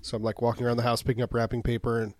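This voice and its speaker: A podcast co-host with a chest cold recaps a movie in a joking, chatty way, lively and acting out quotes. He sounds congested and slightly wheezy, talking very fast at medium pitch.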